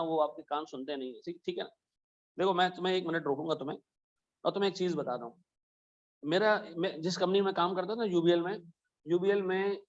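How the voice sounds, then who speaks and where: A middle-aged man teaching accounting in a classroom, lively, telling stories and firing questions at his students. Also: high-pitched, highs cut off. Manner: animated, asks students questions, tells stories. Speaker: accounting lecturer. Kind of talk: classroom lecture.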